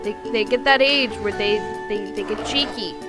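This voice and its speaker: A woman's voice: medium pitch, moderate pace, music in the background. A woman playing a video game and chatting casually with a friend, giggly and playful, laughing often. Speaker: game streamer. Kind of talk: casual gameplay chat.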